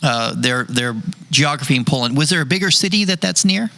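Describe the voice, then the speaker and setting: A man's voice: fairly high pitch, lively intonation, fairly quick, gravelly, bright, forceful tone. A man hosting a podcast, chatting casually and jokingly with guests, with plenty of fillers. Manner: chatty, jokey, with many fillers. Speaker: podcast host. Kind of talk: casual interview chat.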